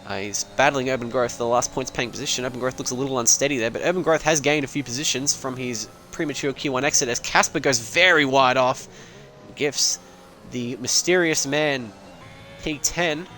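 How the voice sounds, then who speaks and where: A man's voice: mid-range voice, brisk, sharp tone, slight background noise. Casual man commentating a sim race. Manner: casual, rambling, swears and laughs. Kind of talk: live esports race commentary.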